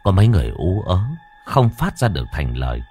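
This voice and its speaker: A man narrating a ghost story in a dramatic way, slowing down for tense moments. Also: deep voice, sing-song, dark tone, slight background noise. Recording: dry close voice with faint background music.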